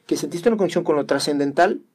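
A man's voice: fairly high pitch, fast, a little mellow, slightly rough. A man with a Mexican Spanish accent hosting a casual talk show, rambling and preachy, full of hesitant fillers. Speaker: host.

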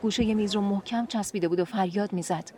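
A woman calmly narrating a story in an even reading voice. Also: mid-range voice, slight background noise.

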